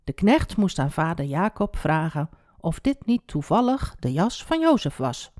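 A woman telling a Bible story to children, expressive and speaking directly to the young listener. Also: on the low side, measured pace, no room sound, studio quality.

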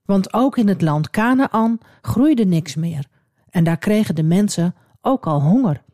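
A woman storyteller reading a Bible story for children. She tells it expressively and adds small asides to the listener. Her voice is mellow and swings widely in pitch, and the recording is dry. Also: lively intonation, measured pace, dry recording.

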